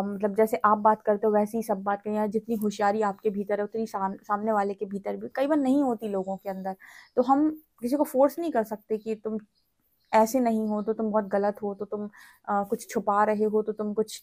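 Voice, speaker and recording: A woman giving a spiritual tarot reading to camera, explaining gently and often checking in with "theek hai". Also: medium pitch, fairly even intonation, a little fast. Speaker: tarot reader.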